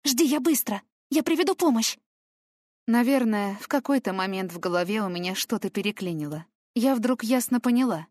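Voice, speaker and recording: Woman reading a tense story, mid pitch, dry close mic. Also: darkish tone, dry recording. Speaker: audiobook narrator. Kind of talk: first-person audiobook narration.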